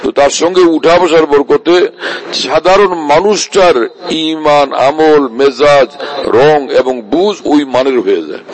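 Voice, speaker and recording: A man's voice: a little high, takes it slowly, rough recording. A man preaching a sermon, asking his listeners again and again whether they understand. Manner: rhetorical, repeats "do you understand" to listeners.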